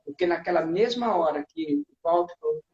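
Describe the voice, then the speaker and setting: A man's voice: a little high, brisk, darkish tone. A man earnestly telling his personal testimony as a guest, often adding "né". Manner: earnest, full of fillers like "né". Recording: echoey, dull-sounding room.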